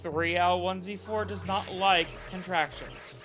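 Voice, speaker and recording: A man streaming a game and chatting casually in a rambling, halting way, over game music. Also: high-pitched. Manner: rambling, halting, many fillers and restarts. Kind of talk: casual chat while playing a game.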